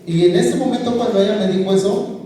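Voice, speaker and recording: A church member gives a heartfelt personal testimony to the congregation in a large church hall, frequently asking "¿verdad?" as he tells his story. His voice sits high and warm, and he talks fast. The recording picks him up from far off in the echoey hall.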